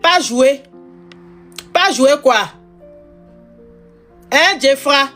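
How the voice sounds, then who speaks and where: A woman's voice: high voice, expressive, very slow, bright, forceful tone, soft background music. A woman from Ivory Coast hosting a live stream, teasing and scolding her viewers with much repetition. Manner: scolding, playful, repeats phrases.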